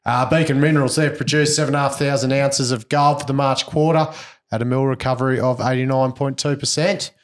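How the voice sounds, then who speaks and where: A man's voice: mid-range voice, fairly even intonation, fairly quick. A man with an Australian accent hosting a podcast, chatting casually through news in a blokey, slangy way. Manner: laid-back, blokey, slangy. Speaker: podcast host. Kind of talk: casual chat and news recap.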